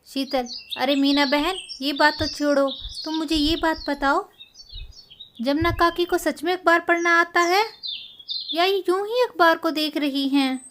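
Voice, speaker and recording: Chatty young village wife, voiced by a woman, friendly gossip tone, high voice, faint hiss. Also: steady tone, measured pace, fairly bright tone.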